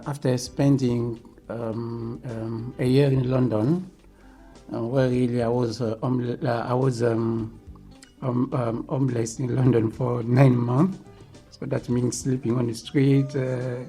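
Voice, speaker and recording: A man from the Democratic Republic of Congo, telling his own story in an interview, halting often with ums and restarts. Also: mid-range voice, dark tone. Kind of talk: recorded interview.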